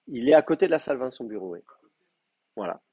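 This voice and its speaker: Husky male teacher in a muffled classroom. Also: medium pitch, animated, fast talker, warm tone, no room sound. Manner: hesitant, many fillers and restarts while explaining. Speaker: Hebrew teacher. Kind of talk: classroom lecture. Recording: muffled, dry classroom recording.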